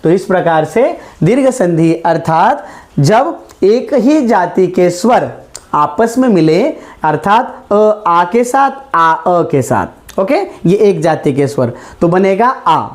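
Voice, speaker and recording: A woman gives a classroom grammar lesson at an unhurried pace. Her pitch rises and falls widely as she stretches out sounds and keeps checking that her students follow. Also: lively intonation, darkish tone. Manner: slow, drawn-out vowels, frequent check-ins. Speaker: Hindi grammar teacher.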